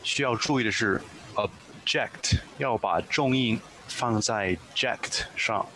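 A man teaching English pronunciation in Chinese, explaining slowly and carefully. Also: medium pitch, sharp tone, slight background noise, rough recording. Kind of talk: pronunciation lesson.

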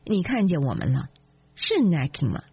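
一位女性朗读者压低嗓音，扮演一个认真又不服气、急于辩解的年轻丈夫，声音略带沙哑。. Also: female voice, on the low side, sing-song, moderate pace, husky, no room sound, heavily acted. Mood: defensive. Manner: indignant, earnest. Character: defensive earnest young husband. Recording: dull lo-fi, dry.

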